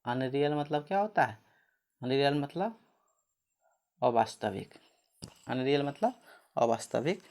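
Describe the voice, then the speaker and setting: Speaking at a moderate pace, this man sounds animated, with a mid-range pitch and a darkish tone. His lesson covers English spelling and pronunciation rules, and he asks questions, supplies his own answers, and spells words letter by letter.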